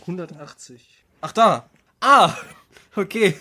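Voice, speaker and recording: A man co-hosting a podcast, chatting casually about manga with short, relaxed replies. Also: high voice, slow pace, husky. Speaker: podcast co-host. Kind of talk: casual chat reviewing manga.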